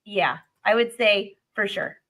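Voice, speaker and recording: A woman co-hosting a live-stream sewing demo, encouraging and quick to laugh. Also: mid-range voice, fairly bright tone, rough recording. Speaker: sewing ambassador, co-host.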